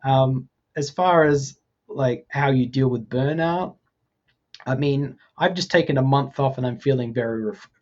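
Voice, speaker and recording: Podcast guest, man, 40, from Australia; average pitch, slightly muffled recording, measured and hesitant. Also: a little mellow. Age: 40s. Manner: thoughtful, hesitant with ums and restarts. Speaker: guest, VFX artist. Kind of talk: casual podcast conversation.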